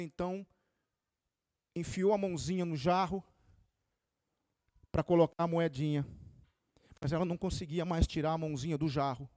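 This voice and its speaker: A male preacher delivers a sermon with fervor, swinging between loud surges and quiet pleas. His voice sits high for a man. The sound is close and dry. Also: no room sound. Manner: impassioned, rising and falling dynamics. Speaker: pastor.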